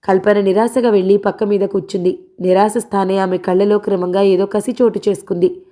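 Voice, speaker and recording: A woman narrating a novel in a steady, expressive storytelling voice. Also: medium pitch, fairly quick. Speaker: audiobook narrator.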